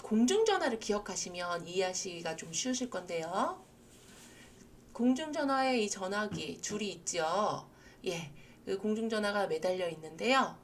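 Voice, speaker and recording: A woman's voice: medium pitch, expressive, moderate pace, slight background noise. A woman with a Korean accent teaching an English lesson for seniors, explaining patiently and leading repetition drills. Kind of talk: slow recorded language lesson for seniors.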